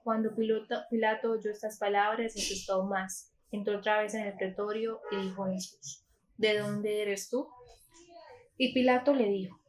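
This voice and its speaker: A woman from Colombia reading a Gospel passage aloud in a calm, measured way, with a few small slips. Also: mid-range voice, low-quality recording. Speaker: scripture reader.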